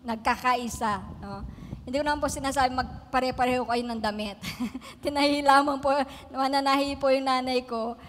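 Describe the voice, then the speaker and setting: A middle-aged Filipina pastor preaches a sermon in a church hall, her high-pitched voice moving at normal speed with a little hiss or hum. She tells family stories chattily, laughs often, and checks in with the congregation. The recording carries the long reverb of a church hall.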